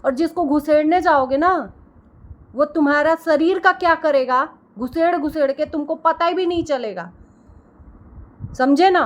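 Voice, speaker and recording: A woman's voice: high-pitched, a little slow. A woman reaction creator delivering a heated, scolding rant and repeating phrases for emphasis.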